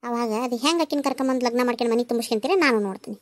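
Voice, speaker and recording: A woman's voice: a little high, racing, no room sound, lightly acted. A woman with a North Karnataka Kannada accent voicing a scheming, resentful woman of a household who grumbles bitterly in a cartoon. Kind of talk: cartoon voice acting.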